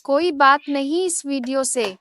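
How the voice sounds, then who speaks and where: A woman's voice: sits high, unhurried, a bit bright, a little hiss or hum. A woman voicing a spoiled, scheming rich young woman in a Hindi dub, haughty and whiny.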